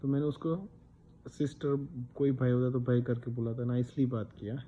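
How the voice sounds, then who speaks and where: A man's voice: medium pitch, steady tone, moderate pace, dark tone. Man, thirties, from India, casual vlog storytelling, chatty, muffled lo-fi sound. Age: 30s. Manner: chatty, mixes English words into his talk, frequent fillers. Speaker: vlogger. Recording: slightly dull sound with faint background noise.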